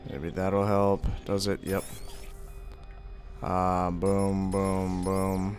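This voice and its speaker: A young male gamer gives casual commentary in a lowish voice. He talks slowly, in crude slangy mutters, with faint game music behind him. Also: monotone, darkish tone. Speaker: gamer, video player. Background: video game music.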